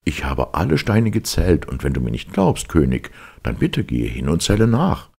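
An eager, humble fairy-tale servant, as a man reads him aloud, pitched up from a very deep, husky voice. His delivery is lively and earnest, with a slight rasp. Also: moderate pace, full character voice. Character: anxious humble male servant.

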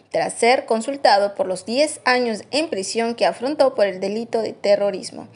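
Lady doing a news voice-over, slightly high voice, formal and even. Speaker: news narrator.

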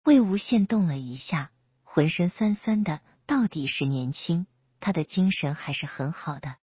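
A woman storyteller reading a romance story aloud in a soft, even manner. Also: low-pitched, normal speed, husky, dry recording, dull audio.

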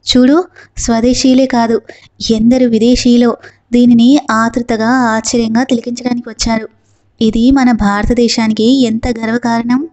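A sharp-tongued young woman, read by a woman. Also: a little high, little pitch movement, normal speed, close to an everyday voice. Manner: eager, then sarcastic and impatient.

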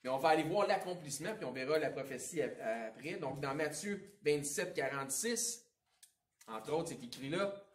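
A man with a Quebec French accent preaching a sermon as pastor, with a conversational style, informal asides and big swings between loud and quiet. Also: on the high side, animated, moderate pace. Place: church sanctuary. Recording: roomy echo, voice picked up from a distance.

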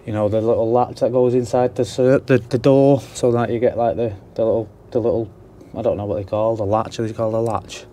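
A man's voice: mid-range voice, little pitch movement, a little fast, dark tone. A young man, an electrician, chatting casually to a handheld camera as he works indoors, rambling and joking at his own expense. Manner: chatty, self-mocking, rambling asides. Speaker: electrician vlogger. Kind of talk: casual commentary while working. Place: indoors at a house job. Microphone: handheld camera mic.

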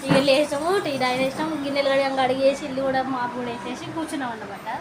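A woman's voice: high-pitched, quick pace. A woman, chatting casually at home about her day and her chores. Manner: chatty, running commentary on chores. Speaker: home vlogger and mother. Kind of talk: casual home vlog chat. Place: at home indoors. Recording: home recording with clear room noise.

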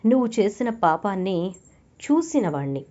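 Menacing blackmailer man, taunting, threatening, dark tone, dull lo-fi, done by a woman. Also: medium pitch, very animated, normal speed, natural voice. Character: menacing male blackmailer on the phone. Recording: dull lo-fi recording.

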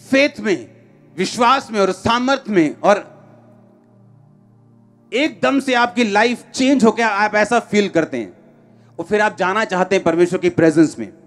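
A man's voice: sits high, fairly bright tone. A man, preaching emphatically and firing rhetorical questions at a crowd in a large outdoor tent. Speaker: pastor. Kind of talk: sermon. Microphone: handheld microphone.

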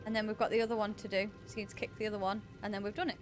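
A woman's voice: mid-range voice, level tone, rapid-fire, music in the background. A woman streaming a game live, chatting and thanking viewers, shrieking when scared. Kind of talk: live gameplay chat.

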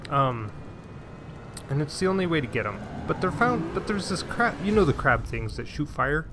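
A man's voice: fairly high pitch, very animated, normal speed, noisy background. A man giving casual gameplay commentary, talking to himself and his pet as he plays, with mild frustrated sighs. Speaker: let's play gamer.

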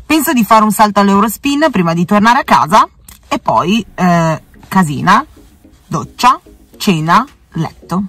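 A woman's voice: medium pitch, very animated, a little slow, fairly bright tone. A woman in her thirties with an Italian accent, vlogging casually into a phone held at arm's length, chatty and self-mocking with sudden exclamations. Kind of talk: casual daily vlog. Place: home rooms, a car, a bathroom. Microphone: handheld camera or phone at arm's length.

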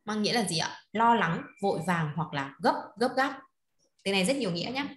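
Fast-talking woman teacher. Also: medium pitch, animated, fairly bright tone. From Vietnam. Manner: coaxing, repeats words, prompts students to read aloud. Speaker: Chinese language teacher. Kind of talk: online class teaching. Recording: echoey room.

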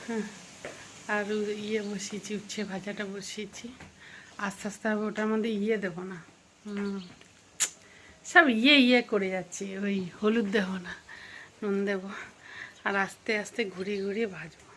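A woman's voice: medium pitch, steady tone, normal speed, pauses often, a bit bright. Chatty woman cooking at home with a cold. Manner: chatty, rambling, many fillers and asides. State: has a cold. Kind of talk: casual cooking vlog chat. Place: home kitchen. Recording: faint background noise.

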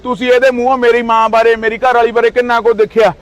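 A man's voice: extremely high pitch, flat delivery, fast, a bit bright, highs cut off. A man in his thirties from Punjab, India, speaking in a heated street interview with indignant, accusing outbursts.

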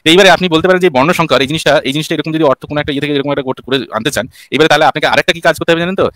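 A man's voice: on the high side, very fast, a bit bright, no echo. A man hosting a call-in debate, lecturing a caller with examples and rhetorical questions. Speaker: host answering a caller.

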